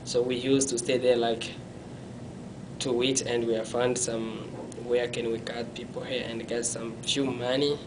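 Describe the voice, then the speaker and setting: Speaking to an interviewer in a small indoor room, a young man from Congo looks back on his past while a camera records from a few feet away. His level-pitched delivery is halting and non-native, broken by restarts and self-corrections, and he gestures with his hands. A steady rumble lies under the audio.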